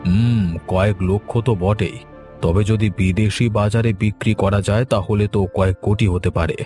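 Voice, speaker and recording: A man's voice: on the low side, steady tone, normal speed, mellow, soft background music, close to an everyday voice. A man voicing a scheming village headman in a cartoon, boastful and conspiratorial. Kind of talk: cartoon voice acting.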